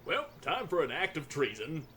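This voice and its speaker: A man's voice: a little high, big pitch swings, normal speed, bright, forceful tone, a little hiss or hum. A man giving casual, slangy, joking commentary over a game he is playing. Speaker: gamer commentating on a playthrough.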